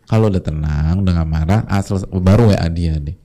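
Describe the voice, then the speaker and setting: A man's voice: low voice, fast talker, mellow. A male preacher giving a casual, chatty sermon to a congregation, sometimes briefly mimicking the voices of his listeners.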